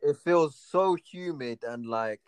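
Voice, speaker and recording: A young man with a London roadman accent, chatting casually in a halting, slangy way and often circling back over phrases. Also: on the high side, expressive, smooth, dry recording. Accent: London roadman, urban slang. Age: young adult. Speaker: podcast speaker. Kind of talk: casual chat.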